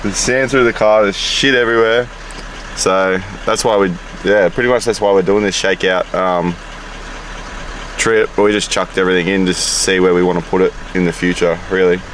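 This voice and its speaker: Aussie outdoors vlogger, low voice, easy laughing yarn-spinner, faint background hum. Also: male voice, steady tone, normal speed, fairly bright tone. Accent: Australian. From Australia. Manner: laughing storyteller, swears freely. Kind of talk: casual chat. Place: outdoors at a campsite.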